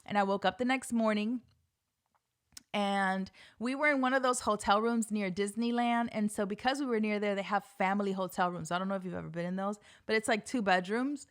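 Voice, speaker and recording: A woman's voice: medium pitch, brisk. A middle-aged woman hosting a podcast, telling a story casually and animatedly, often laughing and swearing. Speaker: podcast host.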